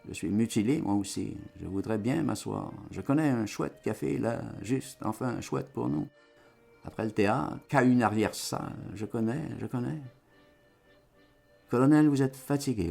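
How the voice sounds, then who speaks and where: A man giving a lively, theatrical dramatized reading of a literary text as an audiobook. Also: on the low side, moderate pace, vocal fry, breathy edge, soft background music. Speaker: audiobook reader.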